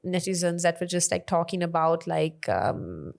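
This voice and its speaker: A woman's voice: fairly low pitch, sing-song, normal speed, creaky. Sri Lankan young woman, chatty guest. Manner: chatty, laughs often, many fillers. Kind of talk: casual podcast interview.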